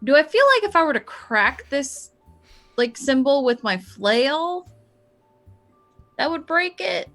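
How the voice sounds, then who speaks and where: A woman's voice: high voice, very animated, takes it slowly, long pauses, a bit bright, faint music behind. A woman playing a tabletop game, asking the dungeon master questions and thinking her moves aloud. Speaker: player. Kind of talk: casual tabletop play.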